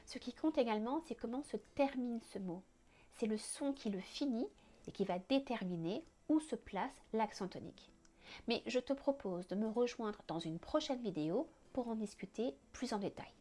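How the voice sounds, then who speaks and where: Woman teaching pronunciation, higher voice. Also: lively intonation, normal speed, dark tone. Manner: clear, carefully articulated explanations with spoken word examples. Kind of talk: scripted online lesson.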